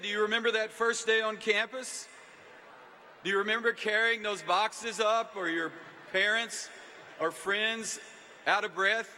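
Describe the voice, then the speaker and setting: Man, university leader, rousing commencement address; high, very bright voice with long hall reverb. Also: slight background noise. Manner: rousing, addresses the crowd directly with calls to stand and cheer. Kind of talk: commencement speech to a large audience. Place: large packed venue.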